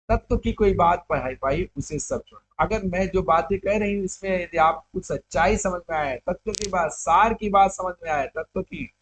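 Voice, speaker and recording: A male teacher giving a poetry lesson, reciting lines of verse and then explaining them phrase by phrase, repeating words to make their meaning clear. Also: high voice, slight background noise.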